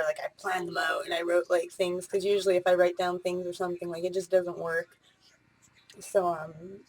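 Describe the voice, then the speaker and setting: A vlogger in her late twenties rambles casually and off the cuff, using lots of fillers and starting over often. She has a lowish voice, and the recording quality is low.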